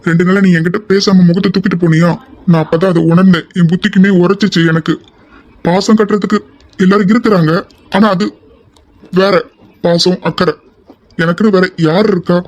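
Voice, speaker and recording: A man's voice: sits high, steady tone, fairly quick, pauses often. A young man voicing an affectionate, shy young man in an audio drama, speaking in an earnest, tender, pleading way. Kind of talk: amateur audio drama acting.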